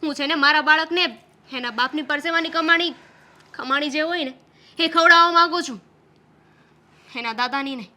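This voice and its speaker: A woman playing a scolding young wife, bright and high. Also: normal speed, long pauses. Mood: anxious. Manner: scolding, reproachful. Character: frustrated young pregnant wife, stern and reproachful. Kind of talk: family drama acting.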